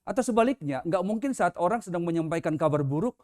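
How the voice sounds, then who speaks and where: Pastor preaching a Sunday sermon in church, conversational, man with a high voice. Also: expressive, fast, darkish tone. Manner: conversational, with casual example voices.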